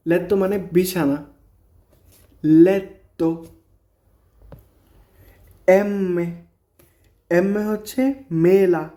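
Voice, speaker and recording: A man teaching a beginner's language lesson, naming each letter slowly and repeating every example word. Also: sits high, warm tone. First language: Bengali. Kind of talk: slow spoken language lesson.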